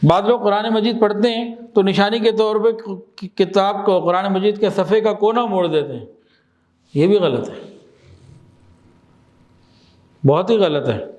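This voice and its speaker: A man teaching in a religious talk, explaining with examples, asking his listeners questions and repeating phrases slowly for emphasis. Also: high voice, a little mellow. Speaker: Islamic teacher.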